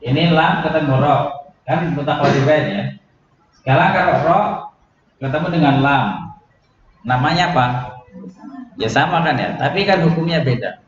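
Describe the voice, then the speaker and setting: A man teaching Quran recitation rules to a class, explaining slowly and asking the students questions. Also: fairly high pitch. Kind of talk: classroom tajwid lesson. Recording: echoey room, dull, noisy.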